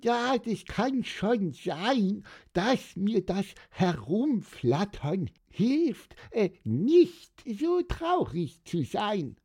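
A man voicing a sad little bird in a children's audio story, who talks haltingly with many fillers. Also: high voice, big pitch swings, a little mellow, slightly rough, full character voice. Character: small bird character, sad, hesitant. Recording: heavy echo with long reverb.

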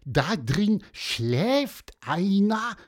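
The narrator of a children's story voicing a small, cheeky and curious bird in a very high, excited voice. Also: drawn-out words, heavily acted.

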